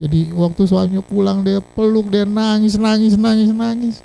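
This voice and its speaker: A man's voice: high-pitched, little pitch movement, moderate pace, vocal fry, dark tone, rough recording. A male pastor preaching a sermon in a storytelling way. He repeats phrases and asks the congregation rhetorical questions.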